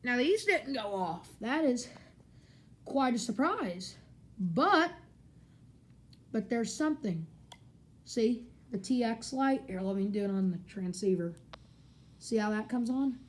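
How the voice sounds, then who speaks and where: A handheld camera or phone records a female gadget reviewer, unseen, as she demonstrates a device in her carpeted living room with a relaxed, meandering manner. Her slightly high voice is expressive, and she speaks slowly, pausing often.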